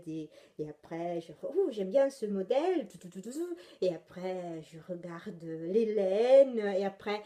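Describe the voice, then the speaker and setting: A young Italian woman hosts a knitting podcast, her mid-range voice mellow as she chats casually. She rambles, hesitating often and correcting herself along the way.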